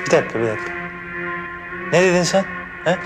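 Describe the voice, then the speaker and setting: An actor playing a hot-tempered young man who insists he is calm while he threatens people, in a TV drama. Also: fairly high pitch, quick pace, natural voice. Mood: blustering. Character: short-fused young man, blustering tough. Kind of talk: TV drama acting. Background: background music.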